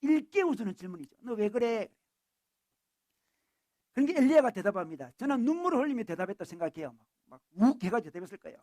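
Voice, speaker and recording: Fast-talking, high-voiced male preacher. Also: no echo, clean studio sound. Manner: animated, acts out the scripture figures. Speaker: pastor. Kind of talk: sermon. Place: church.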